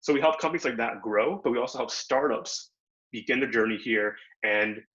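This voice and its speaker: A young Bangladeshi man, presenting a workshop online, keeps things casual and upbeat with plenty of slang and fillers. His mid-range voice is a bit bright and a little fast. The video call audio is dull and low quality.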